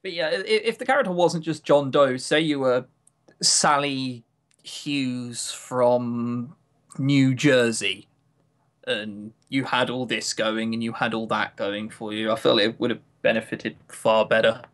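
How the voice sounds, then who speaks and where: As a podcast co-host, a man with a medium-pitched, slightly bright voice chats casually about games at a measured pace. He gives his opinions with wry, coarse humour.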